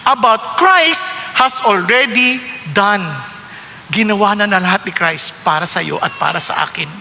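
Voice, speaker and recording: High, bright-voiced Filipino pastor preaching. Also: male voice, measured pace, creaky, long reverb tail, slight background noise. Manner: switches between Tagalog and English, asks the room questions. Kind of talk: sermon.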